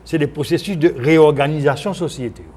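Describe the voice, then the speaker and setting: A man with a Haitian accent speaking as a guest in an unscripted radio discussion, explaining things in a halting way with repetitions and self-corrections. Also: fairly high pitch, warm tone. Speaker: guest, former senator. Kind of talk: unscripted radio interview discussion, switching between French and Creole. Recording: noisy archive broadcast recording.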